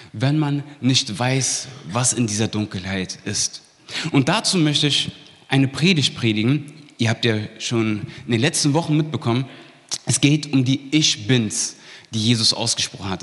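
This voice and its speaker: A man's voice: mid-range voice, a bit bright, big-room sound. A man preaching a sermon, telling a personal story vividly and often checking in with his listeners before reading from the Bible.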